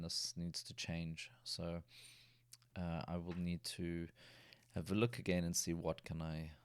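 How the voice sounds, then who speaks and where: A man's voice: low-pitched, clear, resonant tone, dry recording, studio quality. A man talking casually and at length in a diary vlog, rambling with frequent restarts. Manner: rambling, with many restarts and yawns. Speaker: vlogger. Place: lives in a city in Germany.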